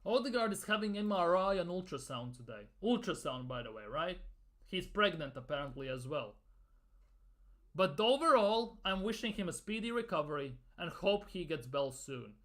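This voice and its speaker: A man's voice: high-pitched, sing-song, moderate pace, a bit bright. A man ranting in a football fan commentary video, exasperated and sarcastic, with some swearing.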